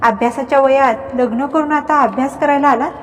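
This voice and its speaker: Woman reading contemptuous male professor, lecturing, high voice, echo, faint music. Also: steady tone, fairly quick, natural voice. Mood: scornful. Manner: scornful, lecturing. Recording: reverberant, faint background music.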